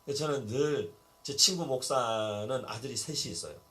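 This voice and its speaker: A man's voice: mid-range voice, moderate pace, sharp tone. A middle-aged male pastor preaching a sermon, telling stories and acting out Bible dialogue. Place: church basement hall.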